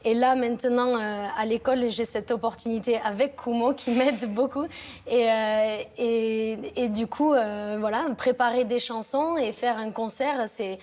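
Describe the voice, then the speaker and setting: A woman's voice: a little high, a little mellow. A woman in her thirties from Lozère with a southern French accent, talking in a hesitant, casual interview as a French teacher and choir leader, with many restarts and fillers. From Lozère, southern France. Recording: noticeable background noise.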